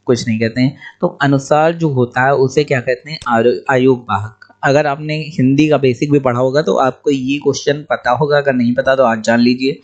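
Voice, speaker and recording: A young man teaching exam questions, explaining each answer briskly and repeating key points. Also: medium pitch, dull audio.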